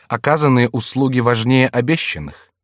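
A man's voice: medium pitch, steady tone, normal speed, no room sound, clean studio sound, pitched above the performer's own voice, natural voice. A man voicing an irritable royal duke who answers curtly. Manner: curt, testy.

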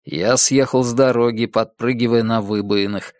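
Male narrator, measured, dark first-person story, dry close recording. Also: mid-range voice, fairly even intonation, dry recording. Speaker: audiobook narrator.

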